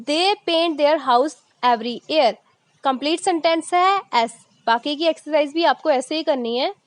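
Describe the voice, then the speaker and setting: A woman teaching an English lesson who explains an exercise patiently, repeating points step by step and reading English sentences slowly. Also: high-pitched, dry recording, rough recording.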